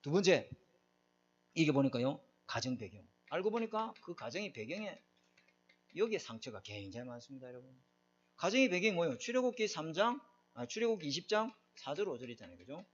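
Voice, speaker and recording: A man's voice: a little high, sing-song, a little fast. A middle-aged man preaching a sermon, emphatic and often asking his congregation questions. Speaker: pastor. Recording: dull lo-fi recording.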